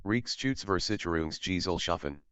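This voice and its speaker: Robotic male text-to-speech voice, deep. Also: normal speed, clear, resonant tone, dry recording, highs cut off. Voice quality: flat synthetic delivery.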